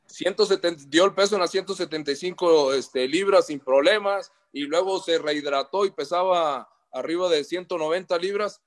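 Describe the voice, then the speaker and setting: Boastful boxer, slightly high voice. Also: male voice. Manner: boastful, trash-talking. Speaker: professional boxer. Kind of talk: post-fight interview.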